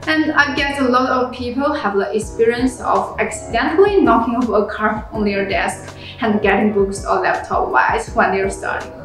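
A young woman presenting products, reading a review script in plain, steady phrasing. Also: a little high, normal speed, few pauses. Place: small room indoors. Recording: very echoey room with background music.

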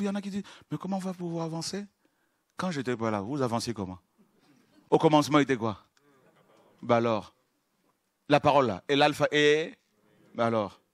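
A man preaching a sermon, moving from low, confiding talk to shouted praise. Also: dry recording, studio quality.

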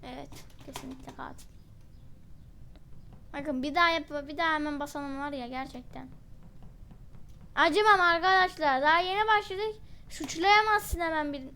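A woman doing live gameplay commentary as a channel host, quick-tempered and exasperated, in slangy talk aimed straight at her viewers and teammates. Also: high voice, a bit bright.

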